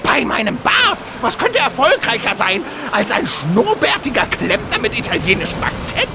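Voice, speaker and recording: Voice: mid-range voice, huge pitch swings, moderate pace. An actor playing a small, cranky, mischievous male leprechaun in a video game, scolding theatrically. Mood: scornful. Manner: scolding, theatrical, full of quaint insults. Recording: clear background ambience noise.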